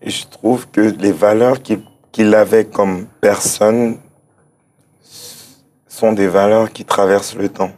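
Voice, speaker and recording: Answering an interviewer's questions, a Cameroonian start-up founder whose first language comes from a German-speaking background speaks with hesitation, repeating words as he works through his thoughts. His voice is on the low side, steady, slow and a little mellow.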